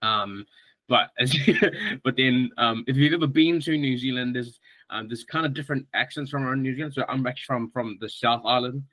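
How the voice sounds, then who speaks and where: A man from Samoa, a guest on a podcast, chatting in a friendly, relaxed way with lots of fillers and restarts. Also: medium pitch, a little fast, no echo, low-quality recording. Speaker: guest, strength coach. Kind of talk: casual podcast interview.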